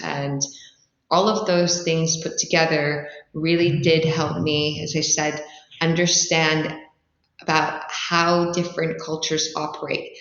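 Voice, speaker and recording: In a roomy, somewhat dull-sounding interview, a woman from the Netherlands speaks as a startup founder, giving clear, explanatory answers in a deep yet fairly bright voice.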